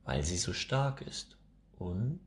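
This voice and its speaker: Man, children's story narrator, deep voice, slow, expressive. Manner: expressive, measured.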